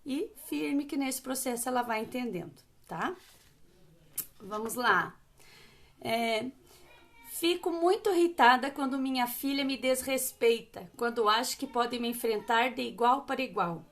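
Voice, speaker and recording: A Brazilian woman hosting a live Q&A, giving calm, firm parenting advice and often checking in with "né?" and "tá?". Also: on the high side, a little slow. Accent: Brazilian Portuguese. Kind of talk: casual advice talk to an audience.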